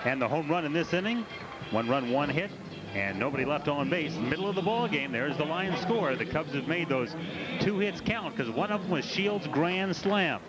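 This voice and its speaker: Slightly high-voiced male baseball announcer. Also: lively intonation, normal speed. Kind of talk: baseball play-by-play commentary. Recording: ballpark crowd behind the voice. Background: stadium crowd.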